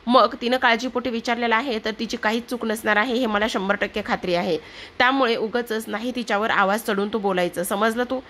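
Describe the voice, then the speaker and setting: A woman's voice: fairly high pitch, fairly even intonation, brisk, fairly bright tone, slight background noise, natural voice. A woman reading out the lines of a stern, protective elder brother who scolds and gives orders, in a TV serial recap.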